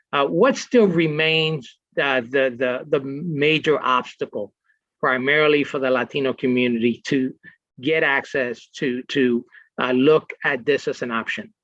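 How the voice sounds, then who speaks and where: A man's voice: mid-range voice, a bit bright, no echo, highs cut off. A man hosting a public affairs show, interviewing his guest with lots of fillers and restarts. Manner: hesitant, many fillers and restarts. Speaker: TV talk show host.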